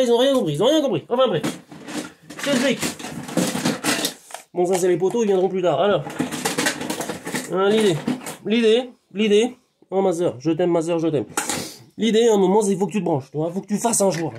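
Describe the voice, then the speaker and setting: A man, a hypnotherapist vlogger from France, talking to camera from his garden in a rambling, animated monologue that repeats itself and speaks to the viewer as a close friend. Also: high-pitched, background noise.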